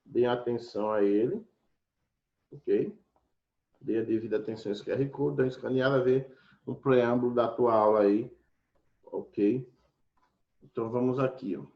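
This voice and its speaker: A man's voice: mid-range voice, fairly even intonation, normal speed, pauses often. A man teaching an online grammar lesson in a casual, teacherly way, constantly checking in with his students. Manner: casual teacherly, frequent "tá certo?" check-ins. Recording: echoey dull lo-fi room recording.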